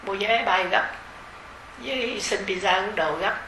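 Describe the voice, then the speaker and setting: A middle-aged woman with a Southern Vietnamese accent, a meditation teacher giving an informal dharma talk to retreat participants in a gentle, conversational way with soft fillers. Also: mid-range voice, moderate pace, reverberant, slight background noise, low-quality recording.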